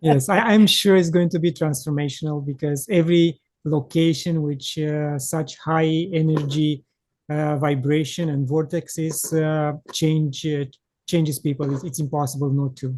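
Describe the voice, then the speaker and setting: A man hosting a podcast in English. His voice sits a little high for a man and sounds close and dry, with no room behind it. He talks in a measured, earnest way and pauses often to find his words. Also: fairly even intonation, darkish tone, no echo. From Romania. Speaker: podcast host. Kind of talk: conversational interview.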